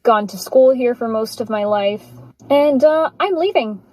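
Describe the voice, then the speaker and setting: A woman's voice: on the high side, lively intonation, a little slow, darkish tone, poor audio. A woman from Bulgaria giving a bitter, emphatic monologue in a social media clip.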